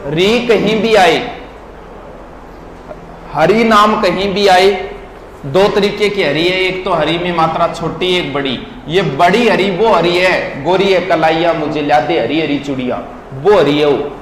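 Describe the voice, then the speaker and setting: Male teacher, high-pitched, lecturing and quizzing listeners; echoey hall, faint background noise. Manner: drills words syllable by syllable, quizzes listeners. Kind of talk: classroom lecture.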